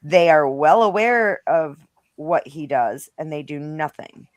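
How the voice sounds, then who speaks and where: A woman's voice: low-pitched, lively intonation, unhurried, dry recording, lo-fi sound. Blunt woman talking casually, dry sound. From Rhode Island, now Western New York. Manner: blunt, heavy swearing. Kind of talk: casual live discussion.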